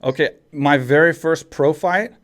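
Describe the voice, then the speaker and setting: A Texan man in his forties hosts a podcast, chatting casually and rambling with frequent restarts and fillers. His voice is on the high side and fairly bright, at a measured pace.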